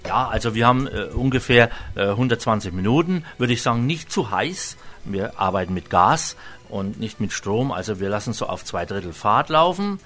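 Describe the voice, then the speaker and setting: This man has a lowish, a bit bright voice with lively intonation at a normal speed. He's a restaurant chef from Franconia, Germany, explaining his cooking in a homely, rambling demonstration chat marked by many hesitations and a Franconian German accent.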